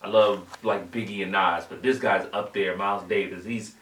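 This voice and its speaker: A man's voice: deep voice, fairly even intonation, normal speed, fairly bright tone. A man hosting a podcast, chatty and enthusiastic, often affirming his guest. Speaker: podcast host. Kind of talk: casual interview. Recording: roomy, distant mic, faint noise.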